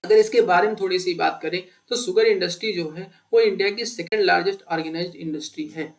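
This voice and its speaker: High-voiced man teaching an exam lesson. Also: fast. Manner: conversational, asks and answers his own questions. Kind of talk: explanatory exam-prep lecture.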